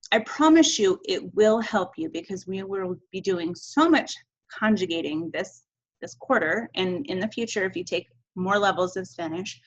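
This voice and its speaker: A woman's voice: medium pitch, muffled recording. A woman teaching Spanish verb conjugation in a recorded video lesson, upbeat and encouraging, chanting endings.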